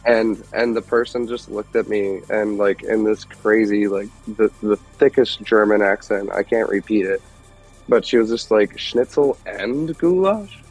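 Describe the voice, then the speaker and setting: A man's voice: fairly low pitch, level tone, moderate pace, faint music behind, low-quality recording. A man in his thirties from Detroit, a guest musician chatting casually and rambling through stories with lots of fillers. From Detroit, USA. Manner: rambling, laid-back storytelling with many fillers. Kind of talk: casual chat.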